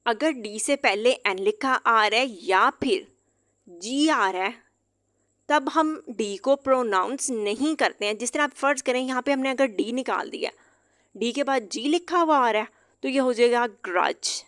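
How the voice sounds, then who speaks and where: A woman's voice: fairly high pitch, a bit bright, no room sound, clean studio sound. Woman patiently teaching word by word. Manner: patient, repeats each example word slowly. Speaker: English teacher. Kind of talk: explanatory lesson.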